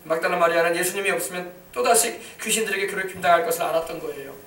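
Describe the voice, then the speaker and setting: Here a pastor, male and high-voiced, pushes through his sermon at a rapid pace and breaks into shouted orders. Captured from afar in an echoey, open church, there's a faint hum of noise underneath.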